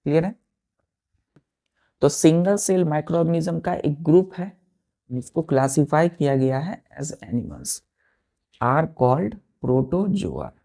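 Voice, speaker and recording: A male science teacher with an Indian English accent works through a lesson at a slow, deliberate pace. His voice is dark and gravelly, with a creaky edge. He repeats terms, spells them out letter by letter and checks again and again that the pupils follow. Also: on the high side, very animated. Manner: slow and repetitive, spells words letter by letter, keeps asking if it is clear. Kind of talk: classroom lesson at a board.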